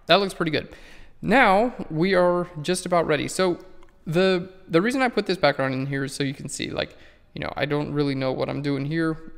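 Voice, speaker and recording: A man's voice: on the high side, clean tone, in a large hall. Rambling man giving a photo-editing tutorial. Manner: casual, rambling, self-correcting. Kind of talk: screen-recorded software tutorial.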